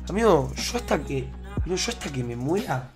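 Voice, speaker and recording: A man's voice: fairly high pitch, very animated, fairly quick, music in the background. A young man with an Argentine accent, a streamer speaking emotionally to his viewers while holding back tears. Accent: Rioplatense Argentine. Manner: emotional, repetitive, keeps saying "amigo" and "boludo". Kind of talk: heartfelt talk to viewers.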